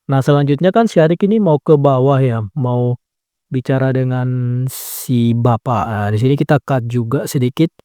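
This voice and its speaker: In a dry, studio-quality recording, a man with a mid-range voice teaches video editing through a step-by-step screen tutorial on a phone edit. He talks at normal speed, calmly instructing while saying "nah" often and correcting himself.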